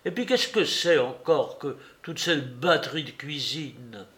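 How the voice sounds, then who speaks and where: A man's voice: fairly high pitch, expressive, measured pace, a bit bright. A man reading an audiobook, voicing an insolent young male clerk who taunts and mocks. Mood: taunting. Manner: cheeky, taunting. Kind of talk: audiobook character voice.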